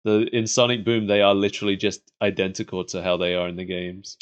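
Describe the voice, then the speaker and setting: A man's voice: deep voice, level tone, fairly quick, clear, resonant tone. A man co-hosting a podcast, chatting casually about cartoons like an enthusiastic fan. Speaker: podcast co-host. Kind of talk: casual chat reviewing cartoons.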